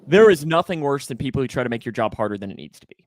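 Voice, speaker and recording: A man in his twenties hosts a casual sports talk show as a broadcaster, speaking rapid-fire in a medium-pitched voice with big pitch swings. He is emphatic and repeats phrases to drive his points home.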